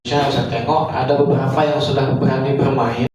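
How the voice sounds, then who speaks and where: A man's voice: mid-range voice, level tone, moderate pace, a little mellow. A man teaching students, giving instructive feedback with rhetorical questions. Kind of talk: evaluation talk to students after speech practice. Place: school hall. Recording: echoey hall, distant mic, noisy.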